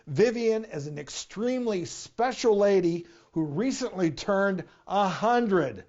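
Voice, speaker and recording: A man's voice: high voice, lively intonation, slow, darkish tone. A man presenting and interviewing as host of a TV talk show, in slightly dull sound.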